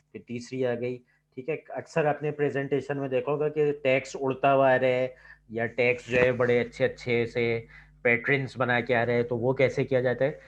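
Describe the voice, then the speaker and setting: A man teaching a computing lab on a video call, with a delivery that leans toward words. His voice sits at an ordinary mid pitch and goes through each step patiently, with a steady "okay" between points. The computer mic sounds slightly dull and muffled. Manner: explains step by step, says "ठीक है" constantly. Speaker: lab instructor. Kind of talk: online lab lecture. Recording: slightly dull online class audio.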